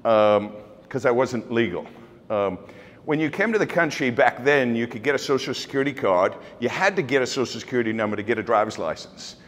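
Fairly quick and a bit bright, this mid-range male voice has lively intonation. A middle-aged South African delivers a casual, certain, blunt keynote with many fillers and restarts, recorded with long reverb in a large open office event space.

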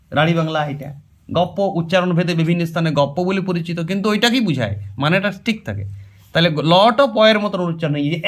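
A man gives an exam-prep grammar lesson in a high, lively voice. He is emphatic, hammers key words again and again, and talks straight to his students. His pitch leaps up and down as he makes each point. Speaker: Bengali grammar teacher.

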